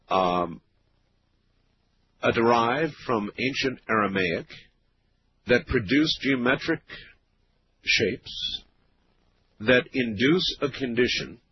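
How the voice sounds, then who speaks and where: Male talk radio host, smooth broadcast delivery, unhurried and conversational, heard over a muffled lo-fi radio feed. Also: medium pitch. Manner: relaxed, conversational, with frequent "uh" and "um" pauses. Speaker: late-night radio talk show host. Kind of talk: radio call-in talk show hosting. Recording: dull lo-fi radio broadcast with faint hiss.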